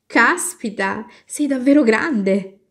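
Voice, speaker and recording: A woman voicing a small, brave little girl who talks slowly and teasingly, without fear. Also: fairly high pitch, pitched above the performer's own voice. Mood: amazed, teasing. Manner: slow, teasing and unafraid.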